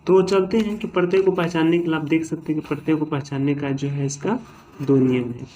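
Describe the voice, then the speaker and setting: With a warm, steady voice on the high side, a man speaks fairly quickly over slight background noise. His grammar class is repetitive, taking words apart syllable by syllable, and he frequently asks students "ठीक है" and "है ना."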